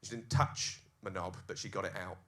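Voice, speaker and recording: A man's voice: low-pitched, moderate pace, sharp tone. A man doing a live stand-up set in a comedy club, acting out scenes with crude jokes. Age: 30s.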